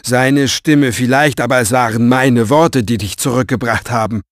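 A man doing a loud, drawling, pompous drunk. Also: medium pitch, animated, unhurried, slightly rough, dry recording, studio quality. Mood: haughty.

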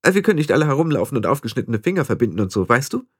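A man reading the part of a vain, proud young witch girl in a high, boastful voice. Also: sing-song, very fast, husky, dry recording, studio quality. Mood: proud, anxious. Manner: high, boastful, near tears.

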